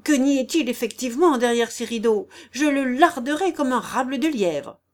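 A jittery, excitable bailiff from a storybook, crying out in loud, drawn-out wails, as a woman reader puts him on. The voice sits high and carries strong emphasis. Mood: agitated. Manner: shrill, drawn-out exclamations. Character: timid, excitable middle-aged male bailiff.

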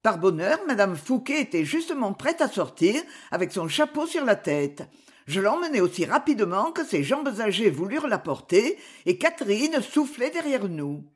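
Lively, expressive woman narrating a story. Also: mid-range voice, normal speed, slightly rough. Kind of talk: scripted audiobook narration.

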